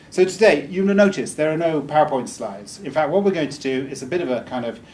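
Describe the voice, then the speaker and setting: His voice is fairly high and a bit mellow. The Welsh speaker addresses a live audience in a meeting room with a casual, joking talk full of ums and false starts, and a distant mic picks up faint room noise.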